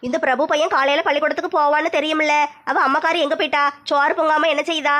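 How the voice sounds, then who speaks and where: A woman's voice: high-pitched, fairly even intonation, quick pace, a bit bright. A woman performing a grumbling, scolding mother-in-law in a comic skit. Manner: scolding, grumbling village banter.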